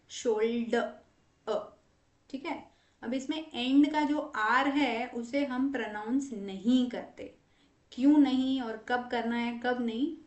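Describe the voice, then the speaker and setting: A woman with an Indian accent teaching English pronunciation, patiently drawing out each sound. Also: fairly high pitch. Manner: slow, patient, demonstrates sounds by drawing them out. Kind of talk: relaxed explanatory lesson. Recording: echoey room.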